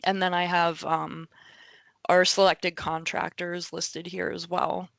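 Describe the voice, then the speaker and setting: A woman presents over a video call, stopping often on fillers as she works through her points. Her voice is smooth but strained, as if she is losing it, and her tone stays flat. The sound is close and dry. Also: on the low side, dry recording. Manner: halting, many fillers. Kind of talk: webinar presentation.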